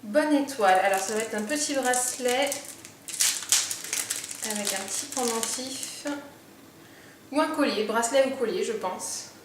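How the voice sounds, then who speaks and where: A woman's voice: on the high side, recorded from a distance, noisy background. Chatty woman vlogger in an echoey room. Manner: chatty, thinks aloud with many pauses. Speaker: beauty vlogger. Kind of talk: casual unboxing chat. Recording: very echoey room, voice set back from the mic.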